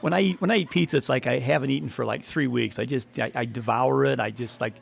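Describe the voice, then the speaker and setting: A man's voice: medium pitch, quick pace, vocal fry. A man co-hosting a podcast in casual chat, rambling, laughing often and trailing off mid-sentence. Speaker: podcast co-host.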